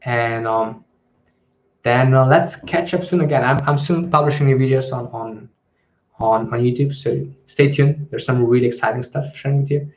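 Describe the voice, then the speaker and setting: Over dull, lo-fi livestream sound with a bit of hiss or hum, the channel host fields live questions at a moderate pace. He speaks in a mid-range voice, stumbling through answers with frequent ums and false starts.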